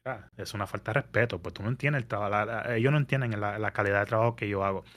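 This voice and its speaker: Animated man telling stories. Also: on the low side, quick pace. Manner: animated storytelling, mixes English words into Spanish. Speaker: podcast guest. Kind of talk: casual podcast chat. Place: New York area.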